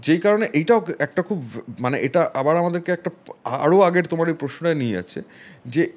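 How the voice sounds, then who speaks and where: Man explaining, slightly high-pitched. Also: animated, a little fast. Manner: thoughtful, explains with musical examples; mixes English phrases into his speech. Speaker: music producer guest. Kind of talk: explanatory interview talk.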